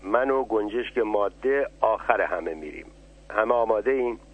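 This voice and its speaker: A commanding male sparrow leader in a radio storybook, read by a man, low and husky, thin phone-like sound. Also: natural voice. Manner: commanding, giving orders. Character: bossy clever male sparrow flock leader. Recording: tinny phone-like radio line.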